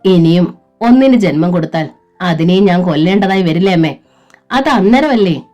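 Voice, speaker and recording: A woman voicing a wronged young wife and mother who speaks quietly but firmly. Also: lowish voice, animated, normal speed, soft background music, natural voice. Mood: defiant. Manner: quiet, firm.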